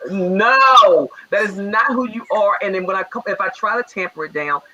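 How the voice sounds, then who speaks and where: A man with a Baltimore accent in casual talk show chat, energetic and a little rambling. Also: sits high, moderate pace, highs cut off. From Baltimore area.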